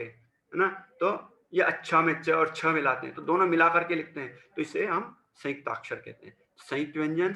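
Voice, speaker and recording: A man with a very bright, slightly high voice teaches a class of children. He goes patiently and repeats each sound several times. The room around him is echoey. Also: vocal fry. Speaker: school teacher. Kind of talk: classroom lesson on Hindi grammar.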